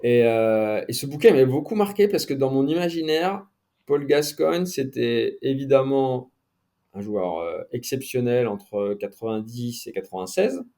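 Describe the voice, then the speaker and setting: A man's voice: mid-range voice, sing-song, a little slow, warm tone. A middle-aged man, a sports journalist guest, chatting casually in an interview with many fillers and restarts.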